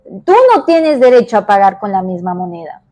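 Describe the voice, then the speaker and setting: A woman evangelist delivers a devotional sermon in a mid-range, highly animated voice at normal speed. She is emphatic and repetitive, shifting between soft passages and raised ones.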